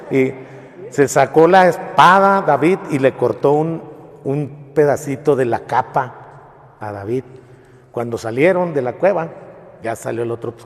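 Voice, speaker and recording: A man's voice: a little high, a little mellow. A priest retelling Bible stories in a colloquial, storytelling way, often checking in with his listeners. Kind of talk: informal Bible teaching. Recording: long reverb of a large hall.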